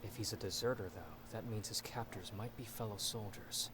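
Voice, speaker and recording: An actor playing a proud, skeptical young soldier in a video game, curt and dismissive. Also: male voice, fairly low pitch, normal speed, fairly bright tone, slight background noise, lightly acted. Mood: serious. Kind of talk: dramatic game voice acting.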